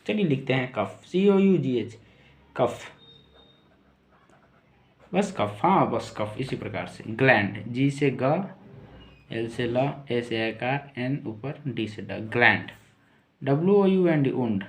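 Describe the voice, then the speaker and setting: A man gives a slow, patient language lesson. His pitch rises and falls a lot as he spells each word letter by letter. He repeats every word several times. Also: animated. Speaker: English teacher.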